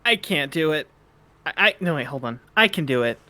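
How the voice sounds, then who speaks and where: A man's voice: on the high side, expressive, brisk, bright, forceful tone. A man voicing a snarky, awkward teenage bird-boy sprite in an amateur fan fiction reading, rambling and stammering in casual slang. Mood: nervous rambling. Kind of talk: amateur fan fiction read-aloud, character dialogue.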